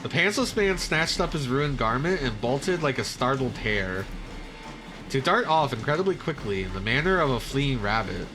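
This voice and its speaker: A man reading story game text aloud with lively delivery and chuckling asides. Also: medium pitch, normal speed, music in the background. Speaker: let's-play host reading a story game.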